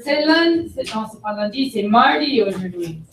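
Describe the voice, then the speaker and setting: A woman's voice: fairly high pitch, expressive, brisk, a crowd in the background. Southern American woman teaching French class. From United States. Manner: drills words for students to repeat. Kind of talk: classroom lesson. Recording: echoey classroom from far off.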